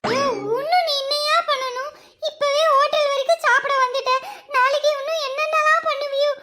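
A woman's voice: extremely high pitch, fairly even intonation, moderate pace, over a noisy crowd. A woman playing a jealous, scolding wife who cries out and laments dramatically in a comedy skit. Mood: wailing. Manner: dramatic lamenting, crying out to God. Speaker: comic actor in a skit.

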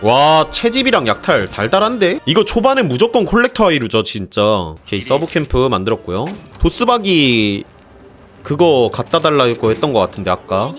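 A man streaming a video game in casual commentary, excitable and often swearing and yelling in frustration. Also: mid-range voice, moderate pace. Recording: game music loud behind the voice. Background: game music.

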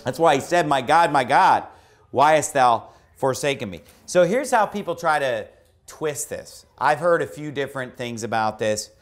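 A man's voice: mid-range voice, expressive, moderate pace. A man preaching a sermon in a church, emphatic and argumentative, mocking opposing views in a raised voice. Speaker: pastor. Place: church sanctuary.

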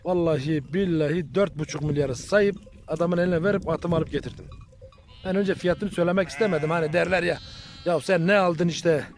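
A man's voice: fairly high pitch, a little fast. A man, a shepherd, chatting to viewers in a casual vlog while herding his flock, filmed on a handheld phone outdoors. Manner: chatty, addresses viewers as friends, calls loudly to animals. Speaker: shepherd vlogger. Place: outdoors in open countryside with sheep and goats.

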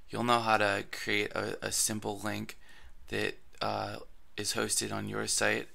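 Guiding viewers through blogging on a screen recording, this man talks in a casual way packed with fillers and restarts, his voice raspy from allergies. His pitch is fairly low, and the tone comes across bright and forceful.

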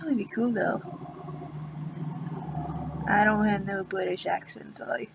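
A woman chatting casually to her viewers, giggling often and drifting into soft whispers. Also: medium pitch, slow pace, vocal fry, background noise. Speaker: vlogger. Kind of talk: casual rambling chat to camera.

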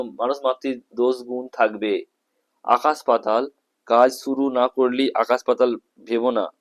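A male tutor with a West Bengal Bengali accent reads exam answers aloud in slow, halting phrases, stressing each word as he lists them. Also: mid-range voice. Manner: slow, halting, breaks sentences into short phrases; lists words one by one with stress.

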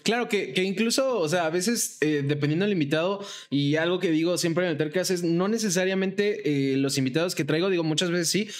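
Mexican guy hosting a podcast, slightly high voice, long wandering questions. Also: fairly quick, hardly any pauses. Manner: rambling questions with many fillers. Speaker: podcast host. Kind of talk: casual interview.

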